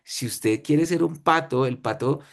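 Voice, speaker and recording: With a Colombian accent, a man whose voice sits on the high side and carries vocal fry speaks at a measured pace. He's a webinar presenter telling a story like a lecture, using short phrases and frequently checking in with listeners.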